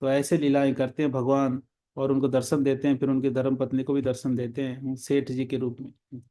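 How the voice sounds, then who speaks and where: A man's voice: medium pitch, monotone, brisk, warm tone. A man preaching, telling a devotional story and acting out the characters' lines in different voices.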